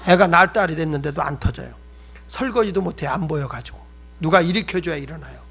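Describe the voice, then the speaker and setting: A man's voice: a little high, expressive, brisk, vocal fry, a bit bright, husky. A male pastor preaching a sermon, telling humorous stories and talking directly to the congregation.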